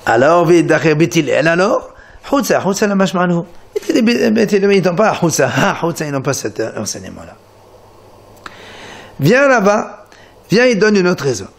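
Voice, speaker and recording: A man giving a Talmud lesson, explaining the text with animated delivery and frequent restarts. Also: on the high side, moderate pace. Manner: animated explanation, many restarts, Hebrew terms. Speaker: Talmud teacher. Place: Marseille study center.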